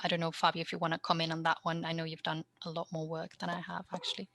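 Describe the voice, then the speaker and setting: A woman's voice: low voice, completely flat delivery, fast talker, gravelly, pushed and bright, dry recording. A woman from Argentina, speaking as a researcher on a video-call panel, thoughtful and full of restarts. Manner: thoughtful, hedging, frequent restarts. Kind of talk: conference panel discussion.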